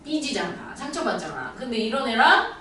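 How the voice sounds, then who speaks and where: A woman cram-school tutor lectures her class, telling blunt, lively stories and sometimes acting out loud scolding. Her voice is high. It rings through an echoey classroom, heard from some distance away. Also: a little fast, a little hiss or hum. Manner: blunt, animated storytelling, acts out loud scolding.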